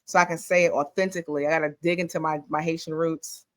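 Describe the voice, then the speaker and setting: A woman with a deep voice co-hosts a podcast, chatting casually and playfully at a quick pace with fairly even intonation. She laughs easily and calls herself messy.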